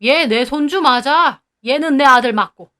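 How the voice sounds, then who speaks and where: A woman voicing a proud old grandfather who scolds slowly and sternly. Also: high voice, bright, forceful tone. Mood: indignant.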